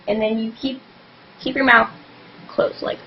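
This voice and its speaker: Rambling girl with a slightly high voice. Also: flat delivery, unhurried. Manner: rambling, fills every phrase with "like". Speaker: vlogger teaching scream technique. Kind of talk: casual home tutorial. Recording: dull lo-fi webcam audio, faint hum.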